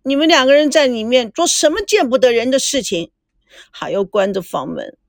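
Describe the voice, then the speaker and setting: A sulky young sister, high-pitched and whining through a crying tone, swinging widely in pitch, as a woman narrator puts her on. The reading is close and dry, with no room sound. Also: animated, moderate pace, dry recording. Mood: whiny pleading. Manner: pleading, crying tone.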